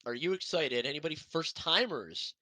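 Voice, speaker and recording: A man's voice: fairly high pitch, expressive, moderate pace, sharp tone, dry recording. A young man co-hosting a sim racing broadcast, chatting casually and rambling in an upbeat, self-deprecating way. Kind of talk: casual podcast chat.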